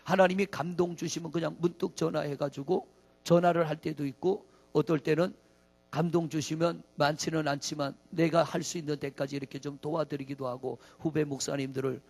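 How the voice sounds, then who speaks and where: Gravelly high-voiced Korean pastor preaching. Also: male voice, a little mellow. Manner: folksy preaching with rhetorical questions to the congregation. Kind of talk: sermon.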